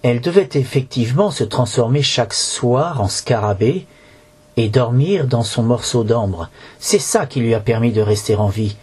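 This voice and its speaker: A man's voice: medium pitch, animated, normal speed, darkish tone, slightly rough. A man reading a storybook aloud in French, narrating with occasional slips and restarts.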